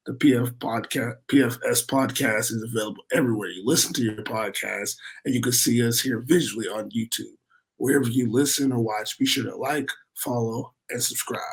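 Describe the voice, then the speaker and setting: Guy hosting a sports podcast, voice totally hoarse and husky, sounds like he lost it. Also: medium pitch, rough recording. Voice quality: hoarse, strained voice. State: hoarse, has lost his voice. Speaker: podcast host.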